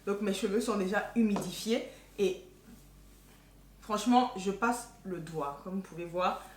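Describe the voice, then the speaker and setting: A woman's voice: medium pitch, a little slow. A woman beauty vlogger talking casually about her hair-care routine and explaining products to the camera. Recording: echoey room.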